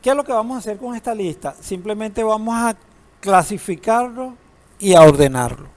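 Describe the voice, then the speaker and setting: This database teacher speaks with animation at normal speed, his voice sitting high and a bit mellow. Lecturing to the classroom, he asks students questions and occasionally jokes.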